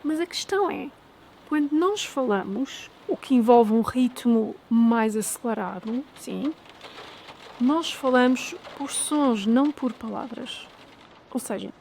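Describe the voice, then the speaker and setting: A woman with a European Portuguese accent, a language teacher and mother, giving a clear, deliberate video lesson. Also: a little high, lively intonation, a little mellow, a little hiss or hum. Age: adult with a child. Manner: clear, deliberate, slows down to spell out example phrases.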